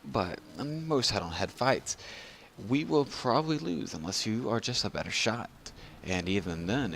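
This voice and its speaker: Drunk man with a low, gravelly voice. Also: fairly bright tone, slight background noise. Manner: rambling, losing his train of thought. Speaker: gameplay tutorial narrator. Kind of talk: casual video game commentary.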